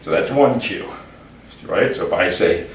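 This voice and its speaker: A man working as a dog trainer, calmly explaining a hands-on demonstration and giving short commands to dogs. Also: sits low, unhurried. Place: room in a house. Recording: echoey room, mic far off, background noise.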